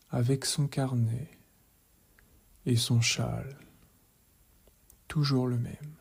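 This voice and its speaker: A man leading a guided relaxation meditation in a calm, measured voice, soft and hushed, often slipping into a whisper. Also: mid-range voice, gravelly, slightly rough. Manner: calm, measured, gently instructive.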